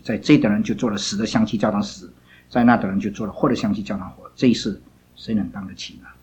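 A man's voice: mid-range voice, lo-fi sound, slight background noise. A man teaching a Bible class, scolding students and drilling them with pointed questions.

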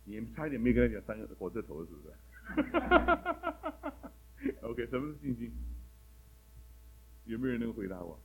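A man's voice: fairly low pitch, animated, fast talker, pauses often, a little mellow, husky, low-quality recording. A man teaching a Bible class in a sermon style, asking the class one question after another and mixing English words into his talk.

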